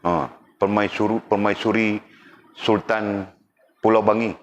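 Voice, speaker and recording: A man's voice: lowish voice, fairly even intonation, measured pace. A male religious teacher gives a casual classroom lecture. He keeps checking that his students understand and teases them with jokes.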